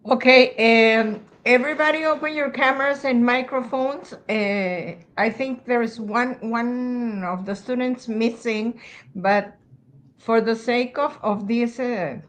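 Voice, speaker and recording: Slow, patient older woman moderator. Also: on the high side. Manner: patient, instructive, gives directions to the group. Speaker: moderator and teacher. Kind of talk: moderating an online student discussion. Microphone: video call.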